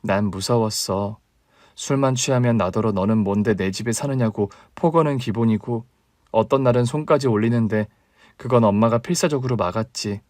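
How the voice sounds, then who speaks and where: A man voicing a caring older sister in a radio drama reading, calm and consoling in a low, quiet tone. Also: moderate pace, no echo, clean studio sound, close to an everyday voice. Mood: somber. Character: young woman, steady caring older sister.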